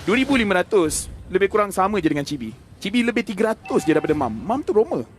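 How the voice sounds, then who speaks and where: A man with a Malaysian accent working as an esports caster, calling play-by-play in an excitable way and repeating phrases for emphasis. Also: sits high, fast, soft background music.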